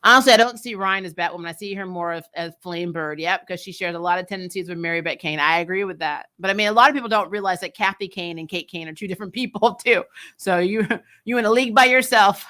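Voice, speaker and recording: A woman with a fairly low-pitched voice and a sharp tone talks at a quick pace as host of a TV recap show. Her fan commentary is casual and opinionated, bluntly exasperated and sweary, as she answers live comments.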